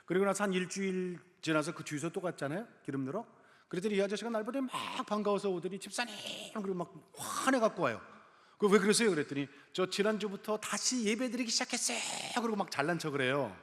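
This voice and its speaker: A middle-aged man giving a church testimony, telling stories and acting out dialogue in an animated way. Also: high voice, quick pace. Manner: animated storytelling, acts out dialogue. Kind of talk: sermon testimony. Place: large church sanctuary. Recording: long hall reverb.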